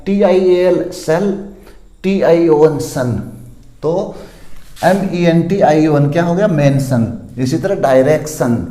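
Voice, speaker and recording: A male teacher explains pronunciation step by step, pausing to repeat his reminders. His voice sits a little high and sounds mellow. The room around him is echoey. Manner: slow, repetitive explaining with frequent reminders. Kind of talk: spoken English lesson explaining word pronunciation.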